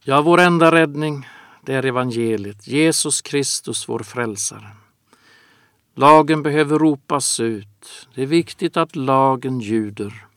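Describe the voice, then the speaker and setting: Man, preacher, earnest sermon, slow drawn-out phrasing, dry recording. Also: mid-range voice, a bit bright, no room sound.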